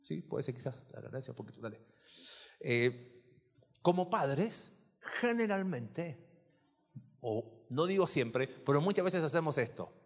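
A man's voice: fairly high pitch, animated, a little slow, long pauses, big-room sound. A man preaching a sermon in a church, chatty and full of questions to the congregation. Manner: conversational, asks the congregation questions. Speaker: pastor.

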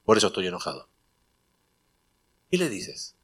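A man's voice: lowish voice, sing-song, normal speed, a bit bright. A man preaching a sermon, telling a personal story in a conversational way and acting out the dialogue before building to emphatic preaching. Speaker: pastor.

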